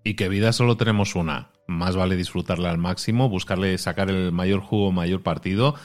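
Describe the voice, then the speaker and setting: Lively Spanish host, fairly low voice. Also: male voice, a little fast, faint music behind. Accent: Spain Spanish. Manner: animated, uses Spanish exclamations like ostras and hostia. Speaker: podcast host. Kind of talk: casual interview chat.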